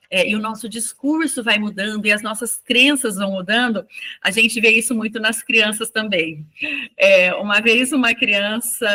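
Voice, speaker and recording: A woman teacher speaking as an interview guest, reflective and animated as she tells stories from her classroom. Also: fairly high pitch. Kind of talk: casual interview talk.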